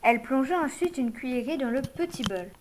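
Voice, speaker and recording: A woman reading a children's fairy tale aloud in a gentle, measured way. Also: high-pitched, lively intonation, noisy background. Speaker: narrator.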